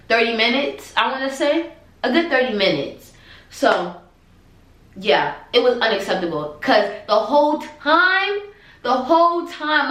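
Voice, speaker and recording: A young woman vlogger telling a storytime tale in an animated, dramatic, exasperated way. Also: on the high side. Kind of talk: storytime vlog. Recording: echoey room.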